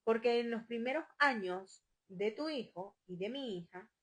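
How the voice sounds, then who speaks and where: A woman speaks emphatically in a live talk on parenting, her voice sitting a little higher than most. She presses her points by repeating questions and acting out what parents say. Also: expressive, unhurried, husky.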